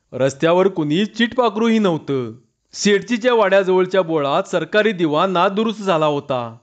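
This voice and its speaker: A man telling a story aloud in a calm, evenly paced storytelling manner. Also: on the high side. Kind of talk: Marathi story reading (kathakathan). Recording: dull lo-fi recording.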